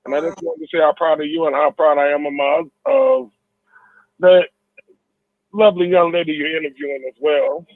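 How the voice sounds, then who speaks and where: A man's voice: on the high side, moderate pace, no room sound. Strong-voiced man on a dull phone-in. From Detroit, United States. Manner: jovial, laughs often. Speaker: caller. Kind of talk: casual radio call-in chat. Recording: dull, band-limited call.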